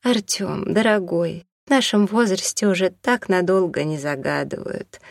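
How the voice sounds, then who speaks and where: A woman's voice: on the low side, normal speed, gravelly, no room sound, clean studio sound, voice pushed up. A woman voicing a tearful, pious old woman who pleads and sobs her words.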